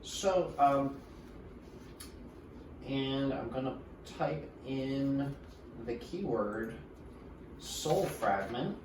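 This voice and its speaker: Slow-talking man explaining card games. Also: medium pitch. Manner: explains game cards at length, laughs often. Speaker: podcast co-host. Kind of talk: casual chat. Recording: roomy, distant mic with background noise.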